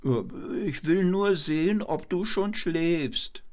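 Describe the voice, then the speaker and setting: A man's voice: fairly high pitch, takes it slowly, a little mellow. A man voicing Kasper, a mischievous puppet husband who teases his wife by mishearing her, in a puppet play. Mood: sheepish. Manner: playful, feigns mishearing, whiny when scolded.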